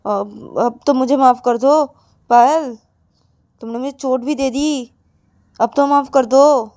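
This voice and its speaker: A woman's voice: on the high side, a little slow, dark tone, dry recording, clean studio sound. A woman storyteller voicing a sulky young woman who pleads and whines to her partner. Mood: pleading. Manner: pleading and whiny. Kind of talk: storyteller acting out dialogue.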